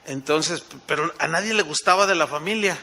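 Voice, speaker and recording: A man preaching a sermon with a Mexican accent, telling a lively personal story and often checking in with his listeners through questions. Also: on the high side, brisk, slight background noise. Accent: Mexican Spanish. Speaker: pastor.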